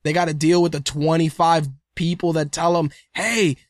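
A man's voice: fairly high pitch, level tone, fairly quick, no echo, studio quality. Chatty man riffing on wrestling. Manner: rambling, acts out quoted voices, laughs often. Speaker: podcast co-host. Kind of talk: casual wrestling chat.

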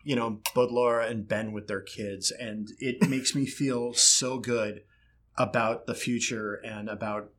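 A man's voice: medium pitch, fairly even intonation, unhurried, a bit bright. A man in a podcast studio chatting earnestly, full of "you know" fillers. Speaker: podcast cast member. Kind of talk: casual chat.

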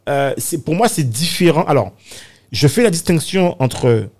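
A man chatting in a studio round-table discussion, talking in an animated way and filling his sentences with frequent fillers. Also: on the high side, measured pace. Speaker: podcast guest. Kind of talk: casual round-table chat.

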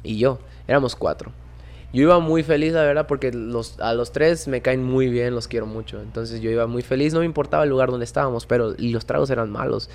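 A man in his twenties with a Mexican accent, a podcast guest telling a story in casual chat, animated, slangy and swearing often. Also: mid-range voice, fairly quick, gravelly. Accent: Mexican Spanish. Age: 20s.

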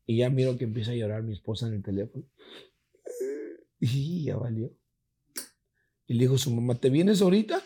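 A man with a Mexican Spanish accent telling a personal story in casual chat, animated and swearing freely, acting out the voices of people in it. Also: medium pitch, a little fast, long pauses, a little hiss or hum.

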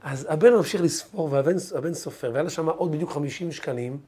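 Man, rabbi, sermon, storytelling, emphatic, repeats words, husky voice. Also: on the high side, warm tone.

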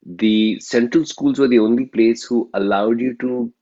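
A man with an Indian accent, whose first language is Telugu, speaks in a mellow mid-range voice at an unhurried pace, with the high frequencies cut off. As an interview guest he reflects on his own life story, often ending his points with a questioning "right?".

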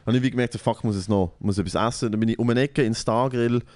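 A young man with a Swiss German accent tells an animated, profane story in casual chat. He acts out everyone's lines himself, his voice sitting at an ordinary middle pitch. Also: fast talker. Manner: animated storytelling, acting out quotes, lots of swearing.

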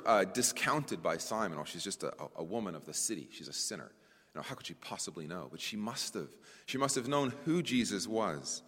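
Guy preaching at a conference, lowish voice that swings up and down a lot, big hall echo. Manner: animated, repeats words while searching for phrasing; addresses listeners as brothers and sisters. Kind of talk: conference sermon. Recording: long hall reverb.

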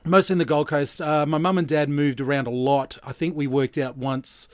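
An Australian man in his forties with a fairly high voice chats casually as a guest. He talks in a halting, self-interrupting way, recorded with very little room sound. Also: steady tone, no room sound, studio quality. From Queensland, Australia. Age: 40s. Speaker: podcast guest, radio DJ. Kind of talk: casual chat.

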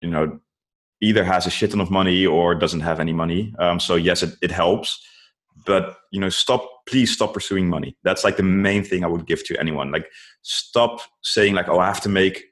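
Deep-voiced man peppering talk with "like". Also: moderate pace. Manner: says "like" and "you know" a lot; earnest, advice-giving. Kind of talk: casual conversational interview.

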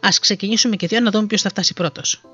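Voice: medium pitch, fairly even intonation, bright, forceful tone, slightly rough. A storyteller voicing an arrogant young prince in a fairy tale, speaking with scorn, on a dull lo-fi recording with faint music behind. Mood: defiant. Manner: taunting, scornful.

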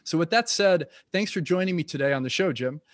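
Male podcast host, higher voice, dry close sound, friendly questions. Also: brisk, dry recording. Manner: friendly, scripted introductions with some restarts. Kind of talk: podcast interview hosting.

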